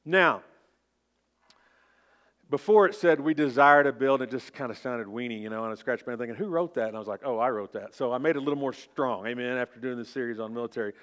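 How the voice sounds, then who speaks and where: A pastor in his fifties from Oklahoma, United States, preaches a sermon in his local accent, folksy, informal and self-deprecating. He talks fast in a medium-pitched, slightly bright voice.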